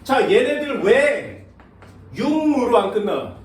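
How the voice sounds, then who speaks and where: A man's voice: very high-pitched, sing-song, slow pace. A man teaching science to a class, often checking whether students follow. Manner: questioning students often, casual banmal mixed with polite speech. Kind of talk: classroom lecture. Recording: echoey classroom from far off, faint noise.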